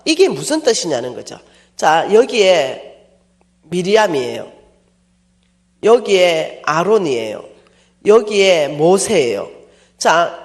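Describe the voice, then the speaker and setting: A preacher giving a sermon in an emphatic way, putting rhetorical questions to the congregation and acting out quoted dialogue in a raised voice. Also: mid-range voice.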